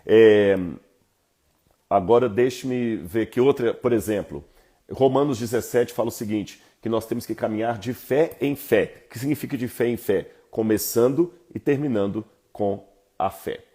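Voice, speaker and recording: A Brazilian Bible teacher walks his viewers through expressions in a lively, animated teaching talk, often checking in with rhetorical questions. His mid-range voice is husky and mellow, and his pace moderate.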